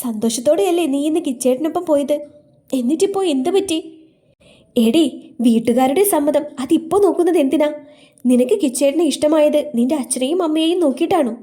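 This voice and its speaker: A woman's voice: sits high, expressive, fast, warm tone, pitched above the performer's own voice. A woman voicing a young woman who scolds and coaxes her tearful best friend. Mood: scolding. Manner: scolding, coaxing.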